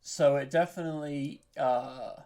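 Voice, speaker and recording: A fairly high, mellow voice, steady and a little slow, belongs to a man guesting on a podcast. He writes and produces audio dramas, and in this informal, casual interview he's hesitant and self-deprecating about his own work.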